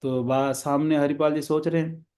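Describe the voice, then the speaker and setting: A man's voice: on the high side, level tone, normal speed, dark tone. Hindi-speaking man telling a devotional story. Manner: acts out the characters' lines in shifting voices. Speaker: preacher.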